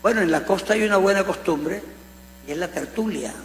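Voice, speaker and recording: A man from Colombia, preaching a conversational sermon with animated storytelling and humorous asides. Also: sits high, a little fast, creaky. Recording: echoey hall with mains hum.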